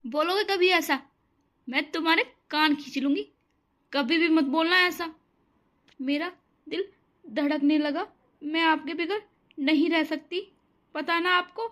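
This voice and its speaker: Woman playing a young cartoon daughter-in-law, timid, soft-spoken, very high voice. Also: a little slow, pauses often. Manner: soft, pleading, hesitant.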